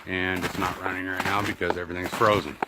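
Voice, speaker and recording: A man's voice: deep voice, level tone, quick pace, heavy background noise. A man narrating a casual outdoor vlog in short bursts while trudging through snow on snowshoes, winded from the effort. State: winded from exertion. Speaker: outdoor vlogger. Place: outdoors in snowy woods and fields.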